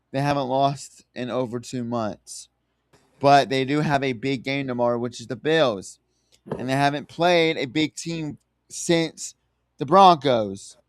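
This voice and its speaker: A man's voice: medium pitch, smooth, no echo, clean studio sound. A man with a Southern US accent and drawl, chatting casually as he hosts a sports prediction livestream.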